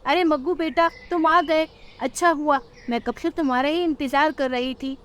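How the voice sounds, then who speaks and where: A woman's voice: high-pitched, steady tone, normal speed, fairly bright tone. A woman voicing an ailing, demanding old mother crow in a cartoon. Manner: calling out, bossy requests.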